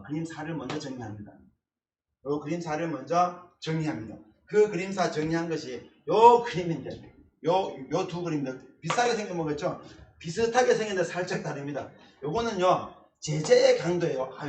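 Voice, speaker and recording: A male essay-writing instructor teaching at a blackboard in a classroom, emphatic and given to repeating key words. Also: fairly high pitch. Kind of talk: blackboard lecture. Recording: echoey classroom, distant mic, faint noise.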